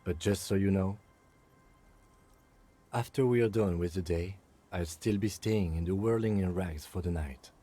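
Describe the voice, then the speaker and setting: An actor voicing a composed, polite police partner in a video game. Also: male voice, sits low, moderate pace, warm tone. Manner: polite and reserved. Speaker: game character.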